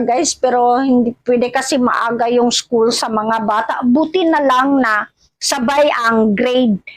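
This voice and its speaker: Slow-talking Filipino woman with missing front teeth. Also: fairly high pitch, dry recording, rough recording. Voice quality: speech of someone with missing front teeth, wearing old dentures. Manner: halting, trailing off and repeating words. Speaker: vlogger. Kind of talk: casual rambling vlog chat addressed to viewers.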